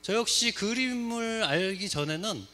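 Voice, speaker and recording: A man's voice: high-pitched, measured pace. A middle-aged man from Seoul gives a humorous talk to a church congregation. He jokes a lot and keeps asking the audience questions. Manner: lively, joking, asks the audience questions. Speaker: guest speaker at a church service. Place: church sanctuary.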